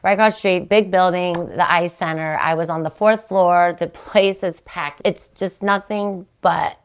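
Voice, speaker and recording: Woman, middle-aged, podcast host, casual rambling storyteller, gravelly voice. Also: measured pace. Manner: chatty, rambling storyteller with animated jumps in pitch. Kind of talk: casual chat.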